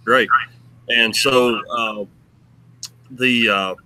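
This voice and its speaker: A man with a bright, forceful voice at a middling pitch. He speaks conversationally, as the interviewer in a religious discussion. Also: steady tone, drawn-out words, slight background noise, rough recording. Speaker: interviewer, host.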